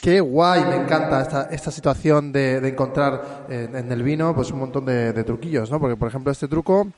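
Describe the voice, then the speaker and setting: A man in his thirties from Spain, hosting a podcast, who teases and prods his guest with excitable questions. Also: mid-range voice, brisk, no echo, studio quality. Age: 30s. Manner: playful, teasing, excitable interviewer. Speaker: podcast host. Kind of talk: casual podcast chat.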